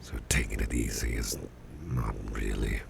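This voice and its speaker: The speaker is a man doing a full character voice of an unwell boss for ASMR roleplay: deeply low, heavily crackling, gravelly and breathy, close to a whisper. His delivery is slow, halting, tender and folksy, with fairly level intonation and a cosy, affectionate, grateful, somewhat self-deprecating feel. Noticeable background noise and soft ambience accompany him.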